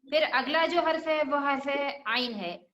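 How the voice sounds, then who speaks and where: A woman's voice: high voice, a little slow, a bit bright, roomy sound, muffled recording. A woman teaching children Quran recitation, patiently repeating each letter sound and asking questions as she goes. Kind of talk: religious lesson for children.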